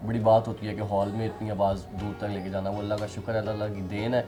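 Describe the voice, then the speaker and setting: A young man answering interview questions in an earnest, soft-spoken, slightly halting way. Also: fairly low pitch, little pitch movement, music in the background. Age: young adult. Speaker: interviewee, musician.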